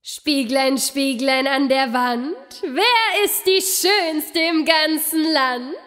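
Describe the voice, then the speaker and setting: A woman voicing a vain, scheming evil queen in a fairy tale, with drawn-out theatrical delivery. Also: high voice, fairly bright tone, dry recording, studio quality. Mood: vain, expectant.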